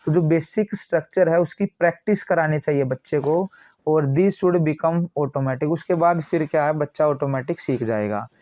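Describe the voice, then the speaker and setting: A man teaching an exam coaching class, explaining in Hindi and reading English lines slowly with an Indian English accent. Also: a little high, darkish tone, no room sound.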